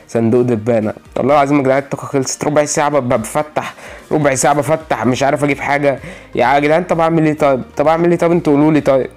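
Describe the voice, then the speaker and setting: Young Egyptian-accented male gamer, mid-pitched, rattling off frustrated commentary at top speed. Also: darkish tone. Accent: Egyptian Arabic. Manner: exasperated, repeating himself, pleading with the game. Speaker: gaming channel host. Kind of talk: gaming commentary while opening loot boxes.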